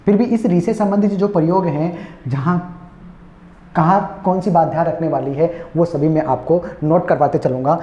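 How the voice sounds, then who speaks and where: A man's voice: on the high side, dark tone. Man, classroom lecture, repetitive explainer, echoey, lo-fi. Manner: repetitive, explanatory, addresses students as friends; slowly sounds out vowels to demonstrate pronunciation. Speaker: teacher. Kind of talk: exam-prep classroom lecture. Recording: echoey room, dull lo-fi sound.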